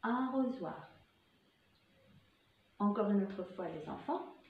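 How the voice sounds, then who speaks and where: A kindergarten teacher, a woman, leading a vocabulary lesson, slowly saying single words again and again for the children to repeat. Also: mid-range voice, animated, vocal fry, a little hiss or hum. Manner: slow, drawn-out repetition of single words for children to echo. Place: school classroom. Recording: echoey classroom, slightly dull sound.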